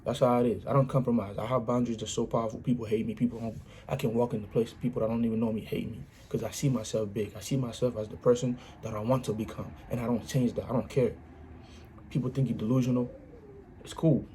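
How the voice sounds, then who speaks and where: A man's voice: mid-range voice, fairly even intonation, fast talker, warm tone, a little hiss or hum. A man speaking in a casual motivational monologue, earnest and repetitive, with informal grammar and frequent "you know what I'm saying.".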